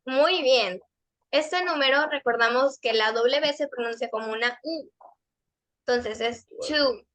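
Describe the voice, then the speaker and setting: A woman teaching a pronunciation lesson to kids and teens, her voice high and notably bright. She explains patiently, step by step, and repeats each model word several times. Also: a little slow. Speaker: English teacher.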